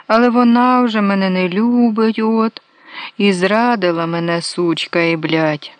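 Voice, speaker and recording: An audiobook narrator voicing a petulant male dwarf who shrieks and whines in a high, drawn-out voice. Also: no room sound, lightly acted. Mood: sobbing.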